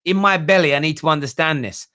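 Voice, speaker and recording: A man's voice: fairly high pitch, quick pace, sharp tone. A man hosting a football fan livestream, chatting bluntly and emphatically about viewer comments and often repeating himself. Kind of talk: casual live fan talk, reading out viewer comments.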